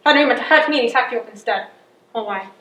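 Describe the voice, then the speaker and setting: Woman playing proud older queen, high voice, grand and wry, scheming, theatrical period drama, echoey noisy recording. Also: fast talker, bright, forceful tone. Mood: wistful, bitter. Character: proud, cunning older imprisoned queen and mother. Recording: echoey room, audible background noise.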